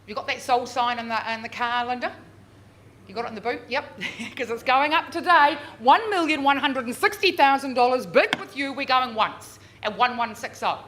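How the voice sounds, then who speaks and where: A woman working as a real estate auctioneer, calling bids live with drawn-out repeated figures and chatty coaxing of bidders. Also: high-pitched, a bit bright. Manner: drawn-out, repeated bid calls. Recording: noisy live auction room.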